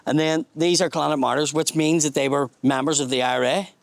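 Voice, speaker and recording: A man's voice: on the high side, fairly even intonation, fairly quick, creaky, no echo. Blunt Belfast man giving a tour. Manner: blunt, sweary, storytelling. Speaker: tour guide and comedian host. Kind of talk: casual guided tour chat. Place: outdoors at a memorial garden in a housing estate. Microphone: small handheld mic.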